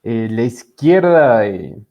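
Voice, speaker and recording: Over a dull, lo-fi video call, a young man from Ecuador who studies law talks politics as an interview guest, halting and full of fillers in a casual way. He speaks slowly at a medium pitch, with big swings in intonation and some vocal fry.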